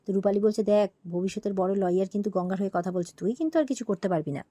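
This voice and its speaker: Woman racing through a soap recap, acting out the lines, mellow tone. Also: mid-range voice, dry recording. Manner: brisk storytelling, briefly acting out each character's lines. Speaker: serial recap narrator. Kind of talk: retelling a TV serial episode, quoting characters.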